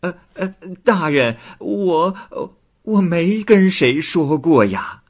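A sly, shrill village woman, voiced by a male storyteller, wails and stammers in a much raised pitch. Her cries are husky and bright with a wide, swinging melody. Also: animated, slow. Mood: wailing. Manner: shrill wailing protests, stammering.

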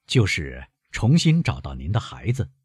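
A man's voice: deep voice, huge pitch swings, normal speed, a little mellow, slightly rough, no echo, clean studio sound, full character voice. A man reading an audiobook, voicing a suave male count who talks in a courteous, probing way.

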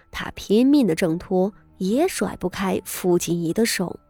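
A woman narrates a serialized story in a mellow, warm voice. Her reading is dramatic and expressive, with tense pauses. The sound is dry and close, with soft music underneath. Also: medium pitch, no echo. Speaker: audiobook narrator.

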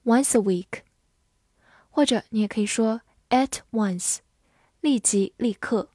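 A woman teaching English vocabulary in a scripted lesson, spelling words letter by letter and reading example sentences slowly. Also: fairly high pitch, dark tone, dry recording, clean studio sound.

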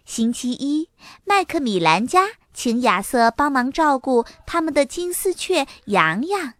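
Expressive, slow woman storyteller. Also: sits high, no room sound, clean studio sound. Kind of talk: children's story reading.

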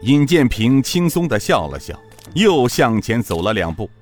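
A male storyteller narrates a martial-arts serial in a dramatic, rhythmic style. His pitch sits in the middle but swings widely, and faint music runs under him. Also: very animated, normal speed.

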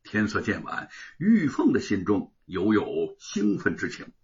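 A male storyteller narrating a traditional oral tale in a dramatic, animated way. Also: fairly low pitch, a little slow, slightly rough, muffled recording.

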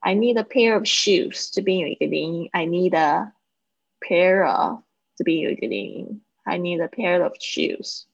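A woman teaching a livestreamed English lesson, explaining step by step and repeating words slowly to model their pronunciation. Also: lowish voice, animated, creaky, breathy edge, dry recording. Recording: dull lo-fi livestream audio.

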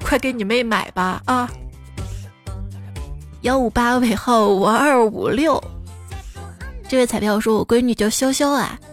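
A woman's voice: a little high, measured pace, long pauses, soft background music. A woman radio host reading out listeners' funny stories about children, with teasing comic asides and playful imitations of the kids. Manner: playful teasing commentary, lively mimicking of children's lines.

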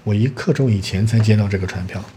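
A man reading a storybook's proud, poor young male student, who answers with sharp, indignant retorts in a low, mellow voice. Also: quick pace, a little hiss or hum, natural voice. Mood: terse.

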